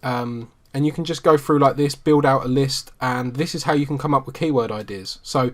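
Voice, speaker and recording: Man, screen-share tutorial, relaxed, chatty, lots of ums, mid pitch. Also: a little fast. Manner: relaxed, conversational, frequent ums. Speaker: SEO marketing instructor.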